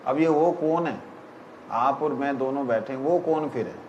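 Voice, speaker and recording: A man giving a spiritual discourse on scripture, explaining verses slowly and often checking whether his listeners have understood. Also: medium pitch, echoey room, highs cut off, slight background noise. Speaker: spiritual teacher.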